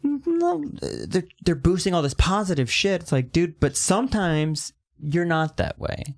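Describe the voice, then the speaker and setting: A man's voice: sits high, sing-song, a little slow. Thirties guy going off on a casual podcast ramble, emphatic, swears a lot. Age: 30s. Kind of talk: casual chat.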